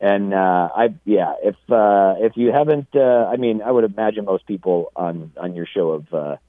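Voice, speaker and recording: A man's voice: lowish voice, moderate pace, dry recording. A man chatting casually as a comedian guest on a radio show, informal and joking, over a phone call. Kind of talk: casual chat. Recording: tinny band-limited phone line.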